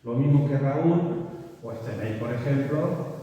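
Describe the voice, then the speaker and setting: A man's voice: medium pitch, a little slow, muffled recording. A man teaching a spelling lesson, explaining patiently and often checking that his listeners follow. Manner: explanatory, frequent checking tags, lively emphasis. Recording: echoey room from far off, faint noise.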